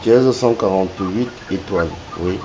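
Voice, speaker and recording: A man from Cameroon on a recorded phone call, slow and hesitant when reading numbers back, then taunting the caller with repeated insults. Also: low-pitched, background noise. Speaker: phone call recipient exposing a scammer.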